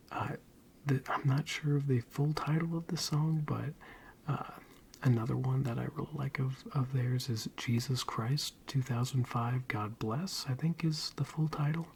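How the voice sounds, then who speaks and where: A man giving a soft-spoken ASMR ramble in a breathy, mostly whispered voice, soothing and hesitant. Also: mid-range voice, slight background noise. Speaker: ASMR video creator.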